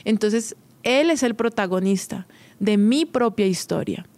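A woman's voice: mid-range voice, lively intonation, measured pace, a little mellow, dry recording. A woman hosting an advice podcast, talking conversationally and directly to the listener with frequent tag questions. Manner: encouraging, addresses listener directly. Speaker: podcast host.

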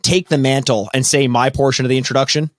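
A man's voice: mid-range voice, steady tone, dry recording, studio quality. A man hosting a podcast in casual banter, teasing his brother and laughing often. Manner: joking, teasing, quick laughs. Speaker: podcast host.

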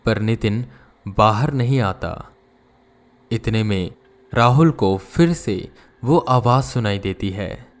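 Slow, low-voiced male horror narrator. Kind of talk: scripted horror story narration.

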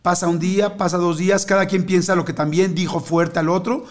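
A man's voice: high voice, flat delivery, a little fast. A man, chatting casually and telling a rambling story full of fillers. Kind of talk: casual chat.

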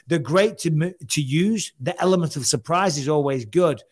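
A man in his forties hosting a casual podcast, brash and quick to swear as he tells stories into a studio mic. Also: a little high, breathy edge. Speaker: podcast host. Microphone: studio mic with headphones.

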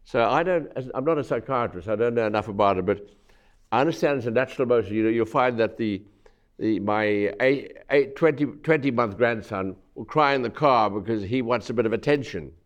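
A man's voice: medium pitch, a little fast, muffled recording. An older man speaking bluntly and matter-of-factly as a guest on a discussion panel.

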